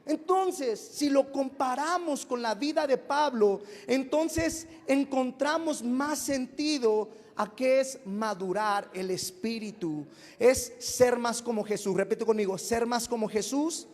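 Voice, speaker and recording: A man's voice: very high voice, takes it slowly. A man preaching a sermon to his congregation in a call-and-response style, having them repeat phrases and acting out whiny church members. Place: church hall. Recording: long reverb of a church hall.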